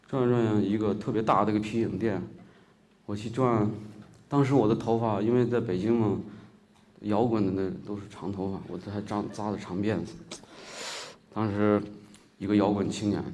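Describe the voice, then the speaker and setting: A man from Shaanxi with a Shaanxi accent tells a personal story from a stage. His voice sits fairly low, and his talk is hesitant, broken up by frequent filler sounds. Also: mellow. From Shaanxi, China. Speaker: musician giving a stage talk.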